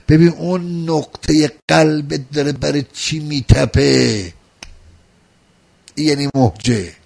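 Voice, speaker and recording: A man giving a religious sermon, moving between loud pleading and soft, intimate address to listeners. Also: mid-range voice, creaky. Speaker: preacher.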